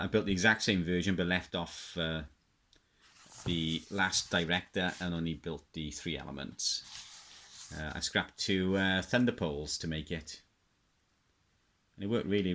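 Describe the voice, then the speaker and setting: At normal speed, a deep, slightly bright male voice with a South Welsh accent presents a casual show-and-tell. The middle-aged radio enthusiast rambles and reminisces, hesitating as he goes.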